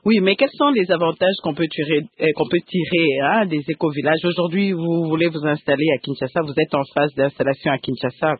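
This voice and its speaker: A man's voice: on the high side, brisk, hardly any pauses, slightly rough, no echo. A man with a Congolese accent co-presenting a radio interview, tagging his phrases with small checking particles. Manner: punctuates phrases with "hein". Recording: dry, narrow-band radio sound.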